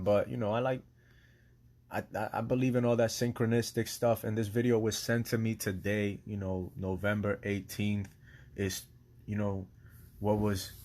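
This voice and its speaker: A man's voice: lowish voice, darkish tone. A man in a casual, rambling late-night chat as a host, slangy and sweary, repeating himself as he searches for words. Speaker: host sharing and reacting to a video.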